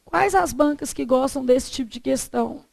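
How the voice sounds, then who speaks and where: A woman's voice: sits high, normal speed, creaky, darkish tone, no echo. A Brazilian woman teaching a Portuguese class, putting questions to her students and answering them herself. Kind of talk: classroom lesson on exam questions.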